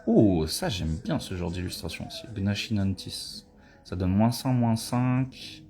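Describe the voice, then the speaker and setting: A low-voiced man talks through a live card opening in a loose, chatty way. He swears and gets excitable over good cards. Faint music plays behind him, and he sometimes drifts away from the mic. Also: measured pace. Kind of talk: casual live booster-opening chat.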